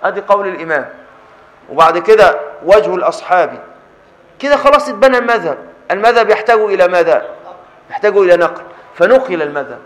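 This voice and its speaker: A man with an Egyptian accent teaching a classroom lesson on jurisprudence, talking fast in a high, bright voice. He keeps tossing questions at his students and answering them himself. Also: animated, low-quality recording. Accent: Egyptian Arabic. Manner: constant call-and-response questioning of students. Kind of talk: classroom lesson explaining a text.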